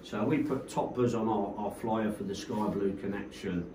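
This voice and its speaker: A man's voice: fairly low pitch, moderate pace, warm tone, slight background noise. A man from Coventry, a rave promoter telling stories in a rambling way, full of "like, you know". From Coventry, England. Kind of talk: casual storytelling interview. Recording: roomy, distant from the mic.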